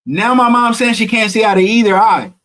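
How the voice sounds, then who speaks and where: A man's voice: high-pitched, a little fast, a bit bright. A man vlogging a personal story to viewers, candid and emotional, swearing freely.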